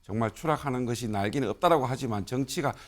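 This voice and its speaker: A man on a TV political panel, commenting in a measured, reflective way. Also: mid-range voice. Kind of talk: political debate on TV.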